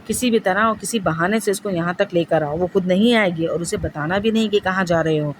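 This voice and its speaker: A woman's voice: on the low side, slight background noise, close to an everyday voice. A woman voicing a stern male faith healer who gives firm orders in a told story. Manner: commanding, stern.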